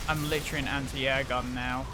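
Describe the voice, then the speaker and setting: A young man streaming a game, rambling in casual commentary, swearing freely and breaking into excited outbursts. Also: medium pitch, brisk, music in the background.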